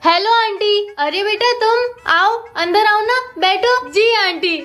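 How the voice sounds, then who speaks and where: High-pitched young woman in comedy skits. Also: slow. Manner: playful, switches between characters. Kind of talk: comedy skit role-play. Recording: background music.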